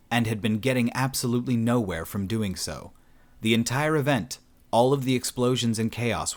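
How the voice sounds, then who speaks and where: A man reading an audiobook in steady scripted narration. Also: mid-range voice.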